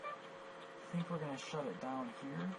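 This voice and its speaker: Reviewing hands from his own match in a screen recording, this poker coach sounds hoarse, his voice worn down by coughing. His pitch runs a little high and his pace a little slow, and heavy background noise fills the clip as he analyzes, criticizes himself, and thinks aloud with fillers.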